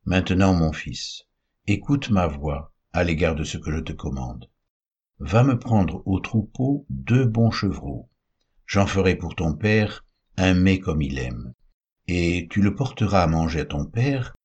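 An urgent, commanding mother who schemes for her son, read by a man. The voice stays deep and husky, like a scripture reading. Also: expressive, unhurried, darkish tone, muffled recording, full character voice. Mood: urging.

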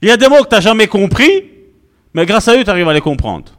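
A male pastor giving an animated, conversational sermon full of asides to the congregation. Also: high voice, fast.

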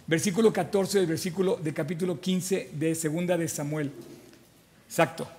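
A man preaches in a high, bright-edged voice. He reads scripture aloud and retells it with animated asides and frequent restarts. His voice carries a long reverb, as if from a church hall. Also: moderate pace. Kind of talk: sermon with Bible reading.

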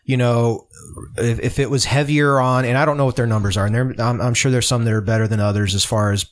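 Brief: male candidate guest, mid-pitch, earnest and rambling, home podcast setup. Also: steady tone, fast talker. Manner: earnest, rambling, many false starts. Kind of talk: casual podcast conversation. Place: home room with open window.

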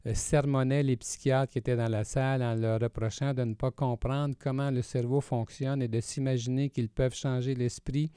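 A man with a Quebec French accent co-hosting a conversational podcast, explaining in a measured, somewhat hesitant way. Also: medium pitch, level tone, mellow, smooth, no echo, studio quality. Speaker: podcast co-host, counselling professional.

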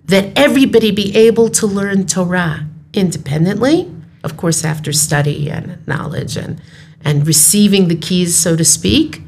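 A woman's voice: medium pitch, animated, moderate pace, darkish tone, slight background noise. A woman who teaches Torah, explaining texts emphatically in a study conversation and weaving in Hebrew terms.

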